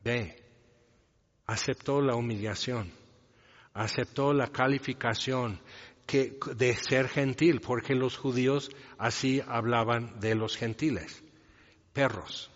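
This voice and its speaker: A man's voice: medium pitch, steady tone, slow. A man preaching a sermon as pastor, explaining a scripture passage in a conversational way with asides and rhetorical questions. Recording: long reverb, dull lo-fi sound.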